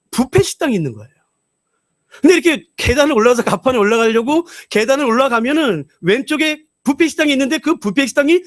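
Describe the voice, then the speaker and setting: A male pastor preaches at a revival, telling stories with animated energy. His voice is very high and swings widely, and it sounds close and dry. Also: no echo. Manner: animated storytelling, acts out voices. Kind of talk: revival sermon.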